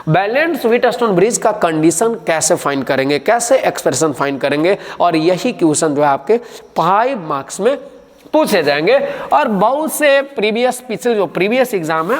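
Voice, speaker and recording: A man's voice: sits high, in a large hall. A male physics teacher giving an exam-prep lecture who explains carefully and repeats key terms.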